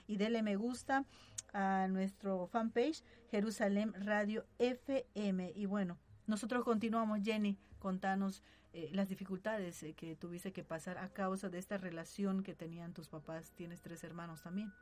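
Woman radio host, gentle questions. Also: medium pitch, steady tone, moderate pace.

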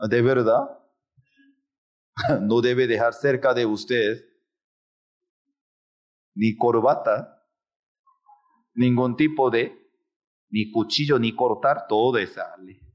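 A man's voice: mid-range voice, extremely slow, long pauses. A man preaching a sermon with drama, acting out the voices he quotes.

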